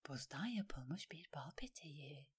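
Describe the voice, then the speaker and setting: A woman's voice: sits low, lively intonation, a little slow, slightly rough, pitched below the performer's own voice, full character voice. A woman voicing an anxious, polite young noblewoman in an audiobook, whispering the girl's inner thoughts. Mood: whispered thoughts.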